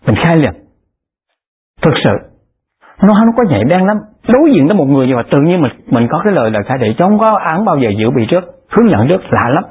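A man tells stories in a Buddhist dharma talk. His voice is very husky and swoops up and down with animation. It comes through a tinny, phone-like, lo-fi recording. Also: fairly high pitch. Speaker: Buddhist lay dharma speaker.

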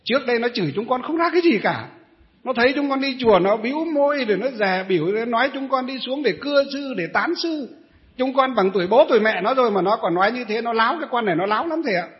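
Shrill, scolding old village temple women, as a monk puts them on in his talk, complaining fast and raising their voices. The sound is dull and lo-fi. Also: expressive. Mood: indignant. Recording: dull lo-fi recording.

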